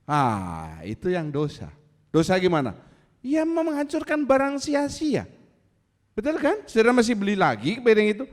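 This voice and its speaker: A man preaching to his congregation. His voice sits high and swings up and down as he teases and acts out scenes. It rings with the long reverb of a church hall. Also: moderate pace. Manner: animated, teasing, acts out angry voices. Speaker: pastor. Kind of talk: sermon.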